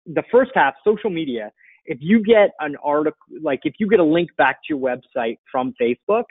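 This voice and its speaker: Seated at his computer in an indoor room, a middle-aged webinar host and marketing coach answers questions informally and explains things conversationally. His voice is medium-pitched and a bit rough. The recording is dry, dull and lo-fi.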